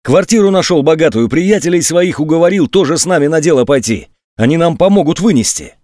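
A man's voice: medium pitch, sing-song, moderate pace, darkish tone, no echo, studio quality. A man voicing a frightened young teenage boy who pleads desperately. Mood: pleading. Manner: pleading, breathless with fear.

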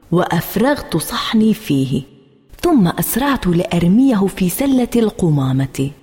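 A woman reading a children's story aloud in a playful, animated first-person voice, with a long hall reverb on the recording. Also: lowish voice.

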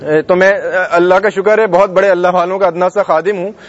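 Man, high-pitched, earnest exhorting sermon, dull lo-fi sound. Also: steady tone, fast, slight background noise. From Pakistan. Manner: earnest, exhorting, with short laughs. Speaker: preacher. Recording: dull sound, long reverb.

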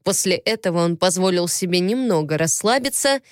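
A woman narrating a first-person audiobook in an expressive reading voice. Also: on the low side, brisk, clear, resonant tone, dry recording, studio quality.

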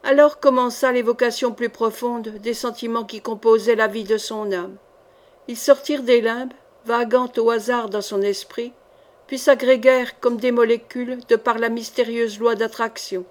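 Woman reading a novel aloud. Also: a little high. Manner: measured, expressive reading. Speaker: audiobook reader. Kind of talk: scripted narration of a novel.

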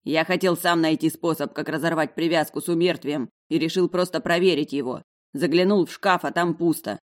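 Low-voiced woman as a snappish young man, sarcastic, curt, audiobook role. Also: expressive, moderate pace, fairly bright tone, no room sound, clean studio sound. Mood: irritated. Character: irritable sharp-tongued young man. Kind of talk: audiobook character voice.

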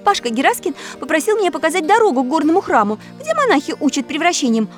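A woman voicing a shapeshifting girl who poses as a schoolboy, talking in an excitable, defensive, blurting way. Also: sits high, quick pace, faint music behind, pitched above the performer's own voice. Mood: pleading. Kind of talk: audiobook character voice.

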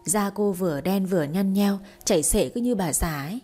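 A woman's voice: medium pitch, normal speed, dark tone, soft background music, lightly acted. A woman voicing a vain, spiteful older mother-in-law with a haughty, affected manner in a storybook.

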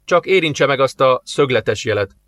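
A man doing a calm police captain. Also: medium pitch, no room sound, close to an everyday voice.

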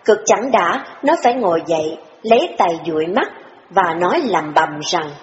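A woman's voice: lowish voice, slight background noise. Woman narrating an audiobook in a reverberant room. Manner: steady, measured storytelling. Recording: dull, roomy reverberant audio with faint music.

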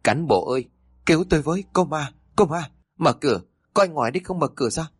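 A man's voice: medium pitch, animated, moderate pace, slightly rough, no room sound, studio quality, pitched above the performer's own voice. A man voicing terrified male criminals who plead and beg for their lives. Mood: panicked. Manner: panicked pleading. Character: two terrified male criminals begging for mercy.

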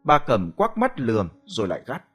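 A man reading a story aloud in steady, expressive scripted narration. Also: mid-range voice, a little fast, slightly rough, faint music behind.

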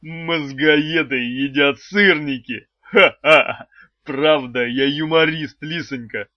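A man voicing a genteel old male brain-eating shopkeeper, wheezy, slow and sugary-polite. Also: on the high side, animated, no room sound. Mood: doting. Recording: dull, slightly lo-fi dry recording.

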